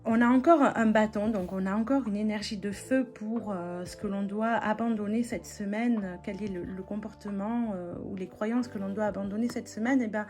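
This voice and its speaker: A woman giving a weekly tarot and oracle card reading in a gentle spiritual tone, with many hesitations and restarts. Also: medium pitch, steady tone, normal speed, few pauses, faint music behind.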